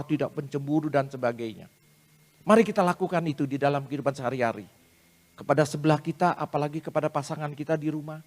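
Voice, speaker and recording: A man giving a sermon at a prayer meeting, addressing the congregation directly and telling personal stories with self-deprecating humor. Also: fairly high pitch.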